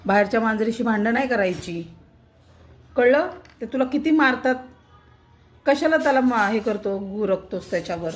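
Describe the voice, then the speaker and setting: A woman's voice: on the high side, expressive, a little fast. Woman, home vlogger, scolding and coaxing her cats in the kitchen. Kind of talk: casual scolding talk to pet cats. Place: home kitchen, chopping vegetables at a table.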